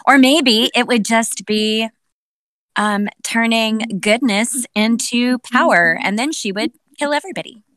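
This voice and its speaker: A middle-aged woman answering fan questions as a voice actress on a convention panel, pausing often to search for her words. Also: a little high, a bit bright, no echo. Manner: hesitant, searching for words with many ums. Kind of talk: casual panel Q&A.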